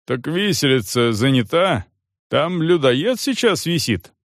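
A man doing a loud, raised-pitch castle guard. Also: sing-song, measured pace, dry recording, clean studio sound. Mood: eager. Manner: loud blunt soldierly speech. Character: eager rough castle guard, male.

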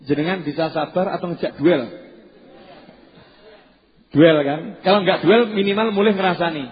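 Joking Javanese preacher in a hall. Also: male voice, high-pitched, normal speed. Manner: lively and joking, mixing in Javanese phrases. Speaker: Islamic preacher. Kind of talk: casual sermon to a congregation. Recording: dull sound with long hall reverb.

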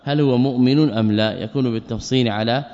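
A male scholar giving a classroom lecture, reciting verse lines slowly, repeating phrases and posing rhetorical questions. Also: mid-range voice, steady tone, dark tone. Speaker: Islamic scholar teaching a text. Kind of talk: classroom lecture explaining a legal poem. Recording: muffled recording with long hall reverb.

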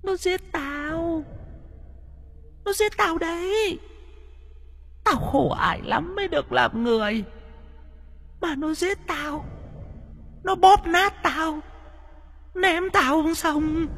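A man voicing a cruel, centuries-old vengeful child ghost in an audio horror story, with a shrill, gravelly, slow wailing voice. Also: animated, a bit bright, full character voice. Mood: anguished, vengeful. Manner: slow, drawn-out menacing wail. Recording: long reverb, ghostly distant echo.

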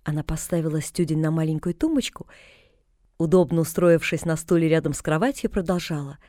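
A woman reads a storybook aloud with calm, even delivery. Her voice is warm and mellow, and the recording is dry and close with no room sound. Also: low voice, fairly quick, dry recording. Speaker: audiobook narrator. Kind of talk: scripted narration.

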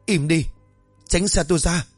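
A man voicing a frightened young village girl who talks in a high, frantic, tearful voice. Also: steady tone, moderate pace, a little mellow, no room sound, faint music behind.

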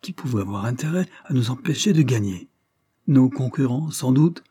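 A man voicing an aristocratic horse owner who speaks in a firm, forceful way, in an audiobook. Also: mid-range voice, lively intonation, moderate pace, slightly rough, no room sound, clean studio sound, pitched above the performer's own voice. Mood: indignant.

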